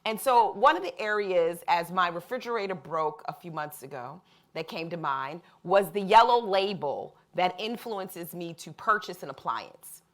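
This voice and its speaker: A woman speaking as a panelist at a live public discussion, laying out her ideas in a measured, thoughtful way. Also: lowish voice, lively intonation, a bit bright.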